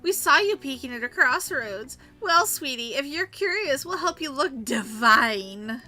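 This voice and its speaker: A woman's voice: sits high, lively intonation, a little slow, sharp tone, soft background music, heavily acted. A woman voicing a flamboyant, sassy drag queen in a video game, flirty, campy and drawling. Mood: flirty, teasing.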